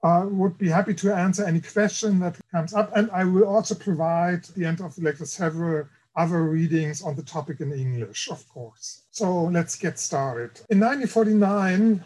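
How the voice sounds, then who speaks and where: A man with a German accent gives a formal academic lecture. His voice sits high for a man, and he speaks carefully and deliberately. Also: a little mellow, rough recording. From East Germany. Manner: careful, measured delivery. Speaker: guest lecturer.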